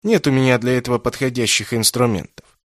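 A man's voice: mid-range voice, fairly quick, no room sound, studio quality, natural voice. A man voicing a haughty, manipulative male mage in an audiobook, speaking imperiously and coldly. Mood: scheming. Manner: imperious, coaxing, then clipped and cold. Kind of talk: audiobook character reading.

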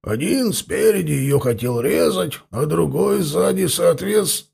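A man voicing a gruff, mocking male dwarf warrior who barks his lines slowly and sardonically. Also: on the high side, lively intonation, darkish tone, heavily acted. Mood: musing. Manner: slow, barking, sardonic.

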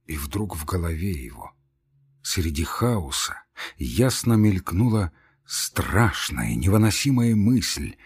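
Male narrator, husky voice, very expressive pitch, audiobook reading of classic fiction. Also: slow pace. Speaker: reader.

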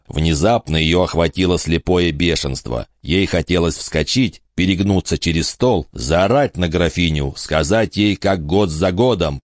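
A man narrating an audiobook in a calm, measured storytelling manner. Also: low voice, dry recording, clean studio sound. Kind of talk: scripted narration.

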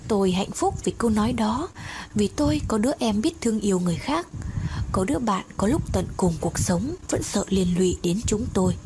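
A woman narrating a first-person horror story in a steady, hushed storytelling manner. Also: medium pitch, brisk. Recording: noisy audiobook recording.

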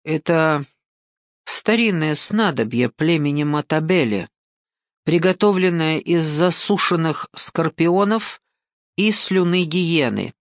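A woman's voice: low-pitched, no room sound, clean studio sound. A woman voicing a sly, patronizing older man. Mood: coaxing, sly. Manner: slow, coaxing, patronizing, keeps saying "son".

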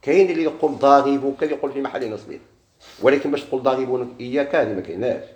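A man with a Moroccan Arabic accent teaches a grammar lesson, talking fast. He keeps asking his class questions and then answering them himself. His voice rings out in an echoey classroom. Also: medium pitch, darkish tone. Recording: echoey room.

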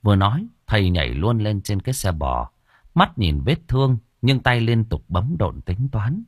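A man narrating a folk story for an audiobook in an expressive, dramatic manner, recorded close to the mic. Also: fairly low pitch, moderate pace, no room sound.

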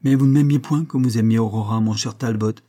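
A man's voice: medium pitch, fairly even intonation, brisk, mellow, slightly rough, lightly acted. A man reading an audiobook and voicing a sweet young wife who speaks in a caressing, pleading way. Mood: tender.

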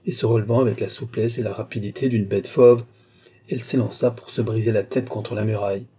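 A male audiobook narrator reading a classic novel in a steady, literary way. His voice is husky, with a dark, mellow warmth. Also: lowish voice, brisk.

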